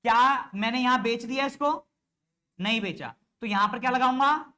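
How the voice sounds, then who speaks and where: During a live accountancy lecture, a male teacher fires constant questions at the class and fondly calls students "beta" while working through an example. His voice is very high and sharp, at a moderate pace.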